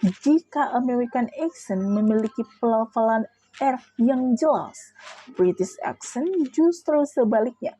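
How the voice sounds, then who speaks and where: A woman's voice: fairly high pitch, lively intonation, a little slow, dark tone, poor audio. A woman reading out a prepared class presentation, explaining step by step with brief asides to her listeners. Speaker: student presenter.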